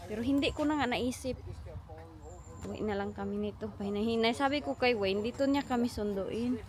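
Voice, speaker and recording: A woman's voice: a little high, fairly quick, crowd noise. A woman vlogging while she walks her children home, chatting casually and switching between Tagalog and English. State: out of breath. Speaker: mother vlogging a walk home with her kids. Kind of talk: casual vlog chat. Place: outdoors on a street, walking.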